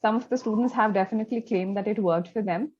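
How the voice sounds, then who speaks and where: A woman author and English teacher with an Indian English accent speaks at a middle pitch. Her answers are measured, with some hesitations, and her audio sounds dull, like an online call. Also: darkish tone. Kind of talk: interview answers.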